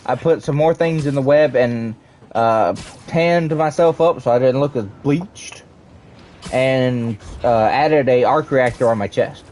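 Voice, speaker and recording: A young man streaming, chatting casually and rambling excitedly to his viewers, prone to ranting. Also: medium pitch, a little hiss or hum. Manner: rambling, excitable, quick to rant.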